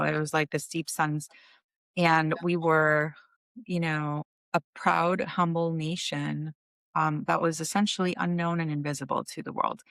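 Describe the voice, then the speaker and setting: Creaky-voiced woman from Costa Rica. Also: deep voice, fairly bright tone, no room sound. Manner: thoughtful, fluent storytelling with fillers. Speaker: venture fund founder, guest. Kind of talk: casual interview talk.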